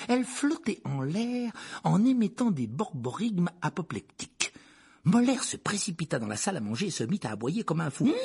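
A man narrating a children's novel as an audiobook, dramatic and lively storytelling. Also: medium pitch, husky. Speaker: audiobook reader.

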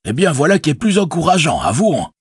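A man voicing a chatty, fretful stout innkeeper who rambles and exclaims, with a husky voice. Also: on the high side, very animated, fairly quick, dry recording, clean studio sound, voice pushed up, heavily acted. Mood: rambling.

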